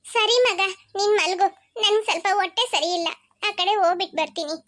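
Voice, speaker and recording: A performer voicing a doting old grandmother in a cartoon, coaxing her grandson gently. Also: very high voice, a little fast. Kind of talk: cartoon voice acting. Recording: music playing behind.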